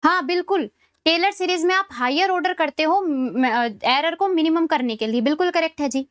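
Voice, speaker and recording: A woman with a high voice teaches an exam-prep maths lecture, working through each step patiently and pausing to ask whether the class is following. She slows almost to dictation when reading out formulas. The recording is dry and close, with no room sound. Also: dry recording. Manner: explains step by step, checking in with "है ना?" and "ठीक है?".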